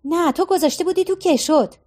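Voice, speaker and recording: A woman's voice: very high-pitched, darkish tone, pitched above the performer's own voice. A woman voicing a young woman who keeps asking, in an accusing tone, for something she lost. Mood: insistent. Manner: insistent, accusing questions. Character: young woman, annoyed, demanding her lost box.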